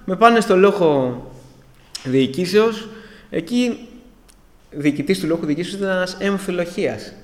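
A man's voice: sits high, expressive, pauses often. A man giving an earnest, emotional personal testimony to a church congregation and addressing them as brothers. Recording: echoey hall with long reverb.

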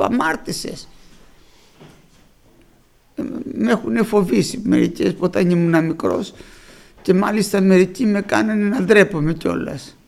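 A man's voice: high-pitched, creaky. A middle-aged man preaching a sermon to his congregation, telling stories and acting out the people he quotes. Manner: storytelling, acts out quoted speakers.

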